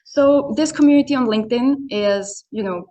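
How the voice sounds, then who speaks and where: A woman's voice: fairly high pitch, moderate pace, mellow. A young adult woman from Serbia, an English speaker, talking in a casual interview as a podcast guest, full of hesitant fillers like "you know" and "um". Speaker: podcast guest, founder of an online business community.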